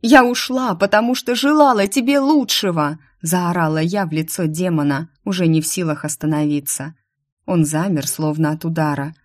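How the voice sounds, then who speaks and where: A woman's voice: low-pitched, level tone, normal speed, darkish tone, natural voice. A woman voicing a stubborn young heroine with raised, emotional delivery. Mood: pleading shout. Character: stubborn young heroine, tearful yet teasing. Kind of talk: audiobook character voice.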